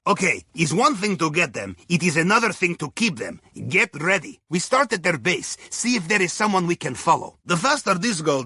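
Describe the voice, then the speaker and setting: In scripted video game mission dialogue, a wry, upbeat Russian submarine aide guides players through a heist. He speaks clipped English that drops articles, with a thick Russian accent and deadpan humor, in a high, bright, husky full character voice. The recording is very dry and close.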